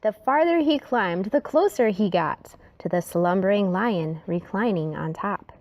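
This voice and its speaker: A woman dramatically reads a rhyming story for children, sometimes letting her voice fall to a hush. She speaks a little slowly in a mid-range voice, and the recording sounds lo-fi.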